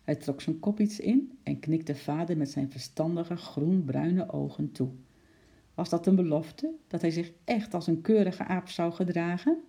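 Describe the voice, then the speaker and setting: A narrator reading a children's storybook aloud with lively, expressive storytelling. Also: mid-range voice, unhurried, gravelly. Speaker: audiobook narrator.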